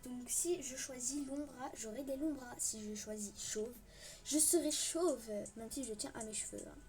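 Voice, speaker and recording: A woman's voice: high voice, unhurried, a little mellow. A young woman giving casual, rambling, self-mocking gameplay commentary as a gaming video host. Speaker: gaming youtuber.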